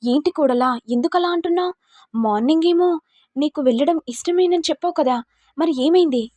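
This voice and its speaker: A woman's voice: high voice, brisk, warm tone, dry recording, pitched above the performer's own voice, natural voice. A woman doing a fond, insistent mother-in-law. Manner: affectionate but firm.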